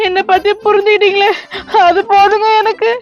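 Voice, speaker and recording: A woman's voice: very high-pitched, level tone, fairly quick, muffled recording. A woman dubbing a sly young wife who fawns over her husband, pleading in a sugary way in a comic fan dub.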